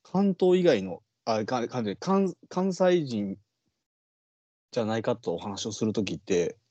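A man's voice: mid-range voice, very animated, a little slow, mellow, no echo. A man with a Kansai accent, a podcast co-host chatting casually and rambling with many fillers. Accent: Kansai Japanese. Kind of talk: casual chat.

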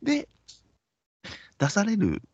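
Lively Kansai man telling a story. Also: takes it slowly, breathy edge, no echo, highs cut off. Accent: Kansai Japanese. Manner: animated, acts out quoted voices in pitch jumps and whispers. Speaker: storyteller in a casual chat. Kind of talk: casual storytelling chat.

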